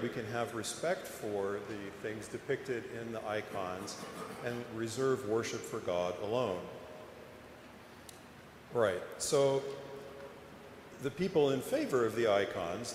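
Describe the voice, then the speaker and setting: A preacher with a medium-pitched voice delivers an informal, explanatory parish sermon, conversational and hesitant with frequent pauses. He's inside a large church whose reverberant echo fills the recording, along with noticeable background noise.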